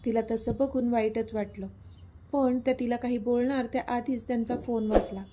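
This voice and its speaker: A woman narrating a serialized romantic story in a steady, expressive reading. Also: on the high side, normal speed.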